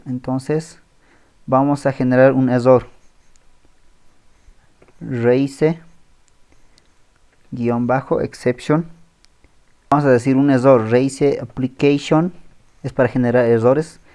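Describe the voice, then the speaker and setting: Guy doing a coding tutorial at his desk mic, mellow low-key voice, stops n fixes himself a lot. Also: smooth. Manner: thinks aloud while typing, with pauses and self-corrections. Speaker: programming tutor. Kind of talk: screen-recorded coding tutorial.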